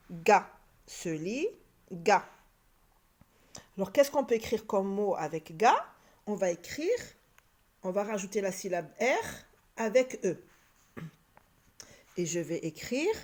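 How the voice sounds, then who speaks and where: A woman teaching a reading lesson to children, slow and patient, repeating each point and sounding out letters and syllables. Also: medium pitch, darkish tone.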